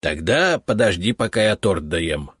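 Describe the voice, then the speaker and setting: A self-important male house spirit from an audiobook, as a male narrator puts him on, lifting his husky voice up high with lots of swing. He lectures bossily and grumbles with little "eh" fillers. The sound is dry and close. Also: sing-song, a little slow, a bit bright, dry recording, full character voice. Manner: bossy, know-it-all, grumbling with 'eh' fillers. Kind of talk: audiobook character voice.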